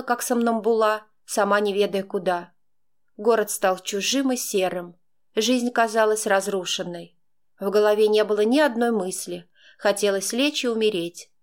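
A woman narrating a first-person audiobook with emotional, heartfelt delivery. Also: medium pitch. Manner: emotional, tearful intensity at peaks.

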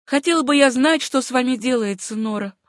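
A reader voicing an agitated middle-aged lady of the house in an audiobook, with high, exclaiming speech that turns to commands. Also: fairly quick, no echo, clean studio sound, lightly acted. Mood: stern.

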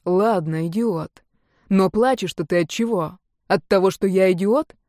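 A woman reading the lines of a calm, self-assured young man in an audiobook. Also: medium pitch, unhurried, no echo, clean studio sound, close to an everyday voice. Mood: puzzled.

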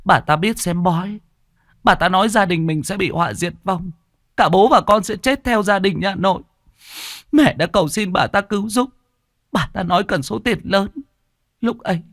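A man's voice: high-pitched, fairly bright tone, no echo, studio quality. A man voicing a distraught, remorseful middle-aged wife who pleads and stammers in an audio storybook.

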